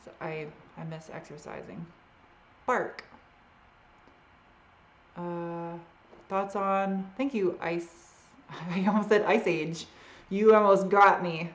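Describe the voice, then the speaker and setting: A woman with a faint Boston accent hosts a live Q&A, answering viewer questions in a casual, rambling, unsure way and often trailing off. Her voice is lowish and slow, with frequent pauses, a roomy sound and slight background noise.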